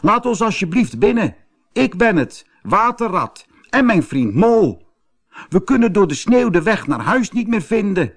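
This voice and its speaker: A man voicing a brave, bossy male water rat who looks after his friend, talking in a brisk, urging way. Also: fairly high pitch, big pitch swings, voice pushed up. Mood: excited.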